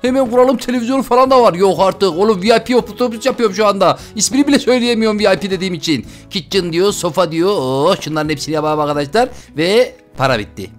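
A young man giving excitable, chatty commentary on a game, talking straight to his viewers. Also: sits high, quick pace, hardly any pauses, faint music behind. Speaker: gaming YouTuber. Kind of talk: casual Let's Play commentary.

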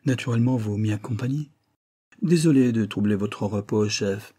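A man's voice: medium pitch, animated, normal speed, dark tone, slightly rough. Man doing a teasing, ironic police inspector. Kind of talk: audiobook character reading.

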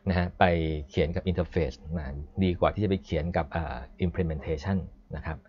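Man, low voice, chatty coding instructor on a live class; dull lo-fi sound. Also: steady tone. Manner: chatty and explanatory, stops to read code aloud slowly. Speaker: programming instructor. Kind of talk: live-streamed coding lesson. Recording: dull lo-fi stream audio.

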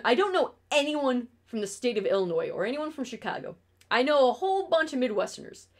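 This young woman, from New York State and speaking with an upstate accent, has a high voice. She chats on a casual stream from her bedroom, ranting bluntly and swearing without restraint.

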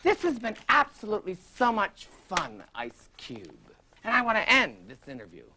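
An actor playing a pompous, oblivious, fussy middle-aged talk show host who gushes and is prissy, on a TV set. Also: male voice, high voice, huge pitch swings, normal speed, bright, forceful tone, slight background noise, full character voice. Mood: gushing. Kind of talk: improvised comic interview.

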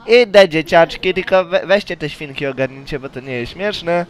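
A man's voice: on the high side, moderate pace, slight background noise. A young man commentating a horror game, joking around and shrieking and pleading when scared. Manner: jokey, easily startled, shrieks and pleads. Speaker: gaming YouTuber.

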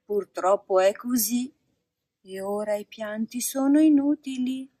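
A woman voicing a kindly female marmot in a storybook reading, speaking softly, patiently and consolingly. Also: on the high side, measured pace, no room sound, studio quality. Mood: solemn.

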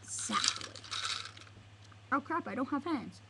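A woman talks slowly and playfully through a homemade toy skit and voices the toys with sudden yelps and shouts. Her voice sits a little high. A loud background hiss runs under the whole recording. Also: lively intonation.

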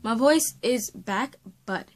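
A faith and beauty vlogger in her late twenties chats casually to camera from a small room at home, her throat sore from being sick. Her fairly high voice is animated yet slow, and she rambles while talking with her hands.

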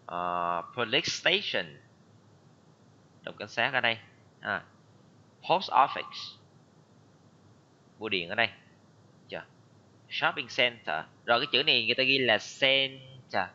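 A male English teacher runs an online class, saying each word in English and then explaining it. His voice is bright and forceful, and the call audio sounds muffled and lo-fi. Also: mid-range voice. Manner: mixes English words with Vietnamese explanations. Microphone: computer mic on a video call.

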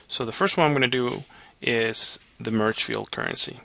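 Bright, gravelly male tutorial narrator. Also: mid-range voice, moderate pace. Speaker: software tutorial instructor. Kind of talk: step-by-step screencast tutorial narration. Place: voice-over on a screen recording.

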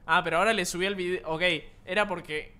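A young Rioplatense man rattles off slangy, self-mocking streamer commentary. His voice runs high, and he talks at a quick clip. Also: steady tone, a crowd in the background. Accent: Rioplatense Spanish. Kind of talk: casual reaction commentary.

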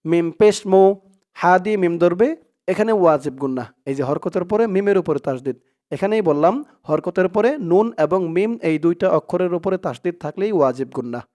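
A man teaching recitation of a short prayer, spelling it out letter by letter, explaining rules quickly and then reciting slowly and drawn out. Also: high voice, animated, a little mellow. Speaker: Arabic and Quran recitation teacher.

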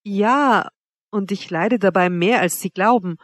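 A woman's voice: medium pitch, measured pace, no echo, close to an everyday voice. A woman reading an audiobook, voicing a devoted young man who pleads earnestly with the woman he loves. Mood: pleading.

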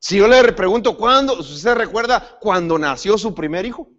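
Male pastor, preaching, lively higher voice, dull lo-fi recording, restarts words often. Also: normal speed. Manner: preaching, addresses the congregation as brother; lively pitch swings, rising to sudden emphatic peaks. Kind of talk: sermon.

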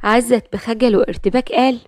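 A woman's voice: fairly high pitch, fairly even intonation, fairly quick, no echo, studio quality. A woman with an Egyptian accent narrating a serialized drama story. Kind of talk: scripted narration.

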